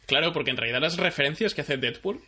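Bright-voiced man from steering the talk. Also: a little high, animated, slightly rough. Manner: measured, steers the discussion. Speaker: podcast co-host. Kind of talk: casual film chat.

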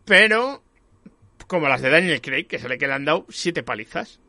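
A man, talking in an emphatic, animated way in a casual film discussion. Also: a little high, normal speed, no room sound.

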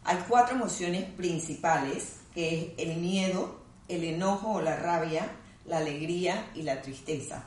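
Low-voiced woman psychologist in a roomy space. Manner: calm, measured, teacherly. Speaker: clinical psychologist guest. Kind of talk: explanatory conversation. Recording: roomy sound from a distant mic.

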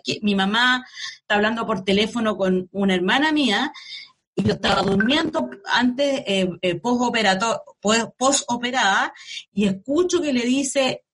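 Husky-voiced Chilean woman, halting. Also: fairly high pitch, fairly bright tone. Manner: halting, searches for words. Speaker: journalist guest. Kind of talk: emotional personal interview.

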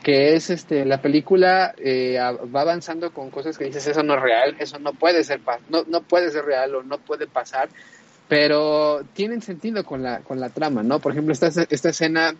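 A man's voice: a little high, moderate pace, lo-fi sound. A man reviewing a film in casual chat, rambling with many fillers and restarts.

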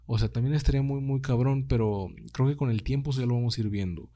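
Talking quickly in a warm, mid-range voice, a young Mexican-accented man runs a relaxed solo podcast. He swears freely, uses plenty of slang, and drops "güey" over and over.

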